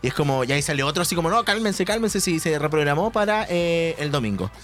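Fast-talking young Chilean man. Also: fairly high pitch. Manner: animated storyteller, acts out voices. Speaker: radio show co-host. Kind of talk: casual chat.

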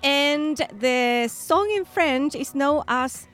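A woman co-hosting a bilingual radio show, lively and curious, laughing easily as she chats. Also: sits high, drawn-out words, soft background music. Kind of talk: bilingual casual radio chat.

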